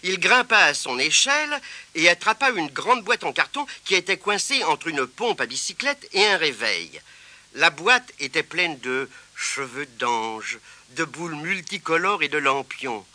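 A man narrating a children's storybook, expressive and lilting. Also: a little high, unhurried.

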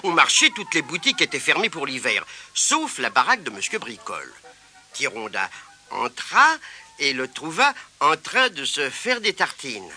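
Man reading children's story, bright tone, slow pace, faint music behind. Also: a little high, breathy edge. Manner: expressive, slow and lilting.

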